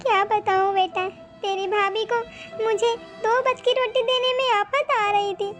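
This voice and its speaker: A woman voicing a gentle, caring older mother in a cartoon, speaking softly and giving advice. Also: extremely high pitch, steady tone, a little slow. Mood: lamenting. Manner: soft, advising, lamenting. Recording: slightly dull, music behind.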